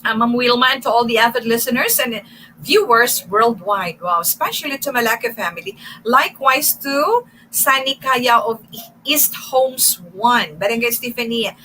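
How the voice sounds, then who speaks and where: A woman with a Hiligaynon accent hosting a radio show, reading out listener greetings in a chatty way with fillers and pauses. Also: on the high side, pushed and bright, a little hiss or hum, poor audio. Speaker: radio host. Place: radio studio.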